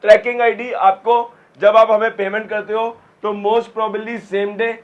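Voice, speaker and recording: A man with a fairly high voice, slightly hoarse from a sore throat, rattles off phone prices in short, clipped lists like a small-shop seller making a pitch. His delivery is flat and measured, and the audio is dull and lo-fi.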